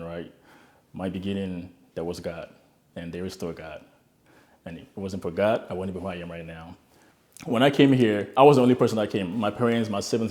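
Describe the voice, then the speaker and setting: Low-pitched and darkish, the voice belongs to a young immigrant start-up founder from Ghana recounting his personal story in an interview. He's earnest and reflective, repeating words often as he restarts.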